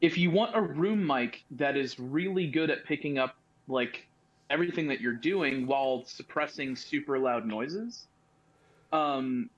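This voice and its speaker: A man's voice: medium pitch, a little slow, lo-fi sound. A man in a casual voice chat, explaining tech tips in detail.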